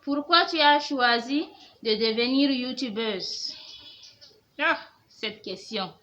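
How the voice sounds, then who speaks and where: Reading questions aloud and answering them, a young home organisation YouTuber from Cameroon, a first-language Fulfulde speaker, talks in a fairly high, soft, hesitant voice with frequent pauses. The audio quality is lo-fi, a bit muffled, with a faint hiss.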